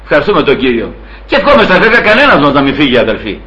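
A man's voice: a little high, big pitch swings, sharp tone, dull audio. A man preaching a sermon to his congregation, earnestly addressing them as brothers and acting out the people he quotes.

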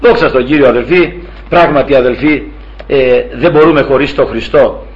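A man in his sixties preaching a fervent sermon, retelling scripture and stories and calling out to his brothers. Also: mid-range voice. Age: 60s. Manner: fervent, storytelling, often addressing brothers. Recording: dull lo-fi recording.

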